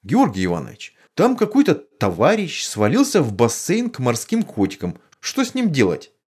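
A man's voice: mid-range voice, huge pitch swings, moderate pace, a little mellow, slightly rough, pitched above the performer's own voice. A man doing a flustered circus stagehand.

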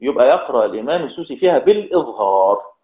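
A man teaches Quran recitation at a middle pitch. He lays out each rule step by step, repeats key words and stretches the recited examples out slowly. The sound is thin and phone-like, with a roomy echo. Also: very animated. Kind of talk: religious lesson. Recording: tinny phone-like sound in an echoey room.

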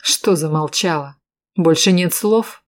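A woman's voice: deep voice, slow. A woman reading a furious drinking man. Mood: angry, menacing. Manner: hisses and snaps through his teeth. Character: irritable hard-drinking man, quick to threaten. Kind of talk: audiobook reading.

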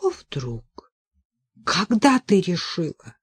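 A woman's voice: fairly low pitch, huge pitch swings, takes it slowly, a bit bright, breathy edge, dry recording, full character voice. A woman reading the part of a worried middle-aged mother who pleads anxiously with her daughter.

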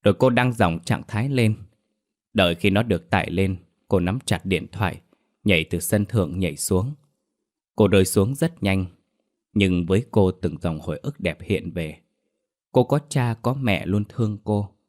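Man, very deep voice, steady horror story narration. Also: normal speed.

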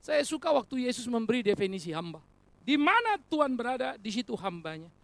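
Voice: medium pitch, brisk, dry recording. A preacher delivering a sermon, speaking directly to the congregation as brothers and sisters and mixing joking asides into earnest points. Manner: animated, rhetorical, addresses congregation as brothers and sisters.

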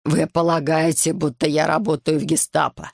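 A man voicing a distraught heavyset businessman begging for help for his arrested son, in a slow, broken, pleading way. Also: on the high side, level tone, gravelly, no room sound, clean studio sound. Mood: desperate pleading. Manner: desperate, pleading, slowed and broken.

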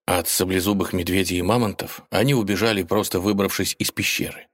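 A man narrating a children's fairy tale audiobook in a calm storytelling manner. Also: sits low, a little fast, no echo, clean studio sound. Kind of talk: scripted narration.

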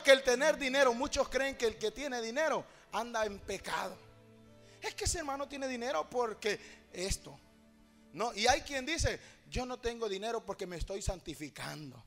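A man preaching a sermon with fervor, calling out to his congregation and at times singing or shouting his phrases. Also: extremely high pitch, in a large hall. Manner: fervent, calls to the congregation, sings and shouts phrases.

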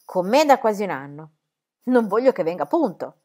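Fussy distracted pastor husband as a woman reads him, loud calling voice, audiobook. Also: mid-range voice, big pitch swings, a little fast, lightly acted. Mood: shouting. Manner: loud, exclaiming calls.

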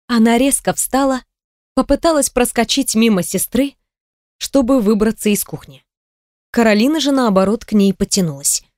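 Woman narrator, steady even read, slightly high voice, audiobook. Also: dry recording, clean studio sound. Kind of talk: scripted narration.

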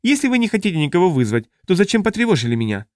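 A man doing a squeaky, fussy alien creature. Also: sing-song, racing, no room sound, studio quality. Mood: complaining. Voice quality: squeaky, high-pitched. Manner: petulant, complaining.

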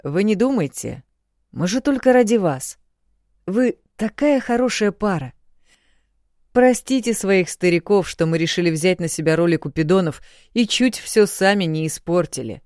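A woman's voice: on the low side, animated, moderate pace, darkish tone, dry recording, clean studio sound, voice pushed up, close to an everyday voice. A woman voicing an apologetic older man, a father-in-law in an audiobook.

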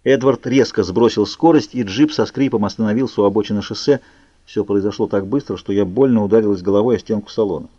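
Dark-voiced male audiobook reader. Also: fairly low pitch, fast talker, dry recording. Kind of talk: scripted novel narration. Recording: muffled lo-fi recording.

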